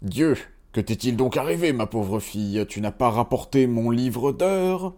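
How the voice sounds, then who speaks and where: A man's voice: fairly low pitch, lively intonation, a little slow, dark tone. A man voicing a scheming storybook stepmother who frets over her daughter, speaking in a raised, pleading way. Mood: alarmed.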